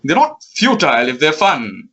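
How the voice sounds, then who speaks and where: A man's voice: a little high, huge pitch swings, moderate pace, bright, forceful tone, slightly rough, low-quality recording. A man as an interview guest, articulate and thoughtful, often breaking into laughter. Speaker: interview guest, magazine editor. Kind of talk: casual interview conversation.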